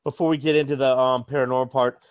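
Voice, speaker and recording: A man's voice: mid-range voice, level tone, fast talker, smooth, dry recording. An American man co-hosting a casual podcast chat who rambles and says "you know" a lot. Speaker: podcast co-host.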